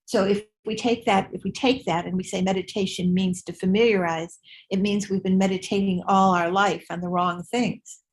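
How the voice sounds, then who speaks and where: A woman's voice: mid-range voice, steady tone, normal speed, rough recording. An older woman from the United States giving a chatty, informal Buddhist teaching in a meditation room, often repeating words as she thinks. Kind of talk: informal dharma talk to a group.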